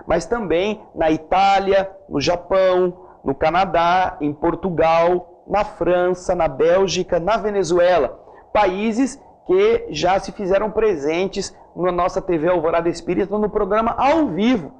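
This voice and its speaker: Tv host guy, kinda high voice, live interview, stumbles over his questions a bit. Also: highs cut off. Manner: warm greetings to viewers, halting questions with fillers.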